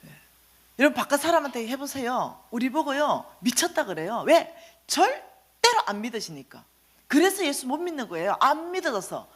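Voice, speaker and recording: A woman's voice: high-pitched, moderate pace. A woman giving a spoken testimony at a church service, acting out dialogue and putting questions to the congregation. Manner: animated, acts out quoted dialogue, questions the audience. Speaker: staff minister giving testimony. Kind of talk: sermon testimony.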